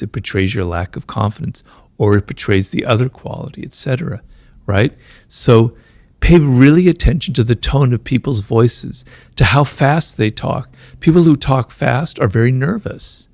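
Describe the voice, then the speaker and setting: A man with a gravelly, slightly creaky voice at a middle pitch, speaking fast in a conversational interview. He keeps tossing in "right?" and "you know" as he explains. The sound is dry and close, with no room echo. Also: darkish tone. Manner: talks fast, says his mind races. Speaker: author being interviewed.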